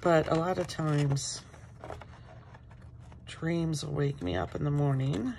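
A woman's voice: sits low, slow, vocal fry, a little mellow, slight background noise. A middle-aged woman in her home craft room, chatting casually and rambling as she works on a journal page, with a morning voice. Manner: chatty, rambling, talks while working. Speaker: craft channel host.

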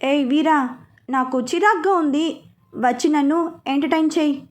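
A bubbly, teasing young heroine who chatters and loves to mimic, as a woman reads her lines. The voice sits high and bright, quick with playful jabs. It comes across as a storybook read aloud. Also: lightly acted. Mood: mock-tough. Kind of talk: storybook dialogue reading.

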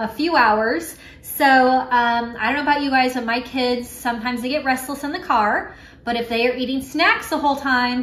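Speaking in a high, slightly bright voice, this thirtysomething mom chats casually to the camera at home. The kitchen echoes, and she stays upbeat and talkative, dropping in plenty of ums and uhs.

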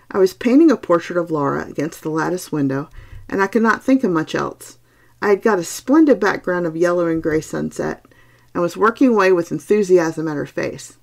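Woman reading a ghost story on her podcast, slow and deliberate, kinda creaky voice. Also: lowish voice. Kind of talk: storytelling narration.

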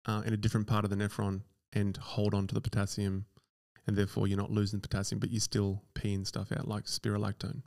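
A low-voiced man co-hosting a medical podcast. His voice has a gravelly edge over a smooth, resonant core, and he explains things plainly and matter-of-factly. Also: completely flat delivery, fast, darkish tone. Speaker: podcast co-host, doctor. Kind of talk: casual educational chat.

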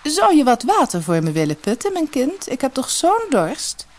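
A woman voicing a kindly female fairy disguised as an old woman, gentle and gracious, stern when she scolds, in a husky storybook voice. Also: high-pitched, wildly swooping pitch, moderate pace, pitched above the performer's own voice, exaggerated voice.

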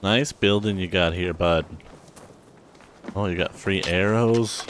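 A man's voice: low voice, slow, fairly bright tone, slight background noise. A man giving laid-back, rambling commentary while playing a video game. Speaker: let's play host. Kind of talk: casual gameplay commentary.

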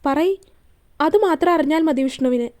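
A woman reading a story aloud, voicing a young man who is a tender, teasing lover and speaks softly. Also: high voice, moderate pace, close to an everyday voice. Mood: gentle. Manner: softly pleading and playful.

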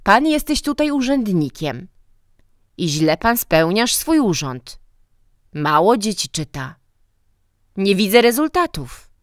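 A woman's voice: medium pitch, very animated, slow pace, long pauses, no room sound, clean studio sound, voice pushed up. A woman reading a story voices a stern, mocking middle-aged man, a school director who scolds and lectures. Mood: scornful.

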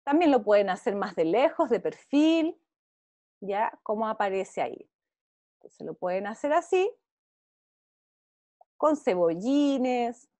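A woman's voice: fairly high pitch, very animated, slow pace, long pauses, dark tone, dry recording. A woman teaching an online visual arts class to young pupils, with a Chilean Spanish accent, encouraging and checking in often with the children. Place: home, over a video call. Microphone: video call.

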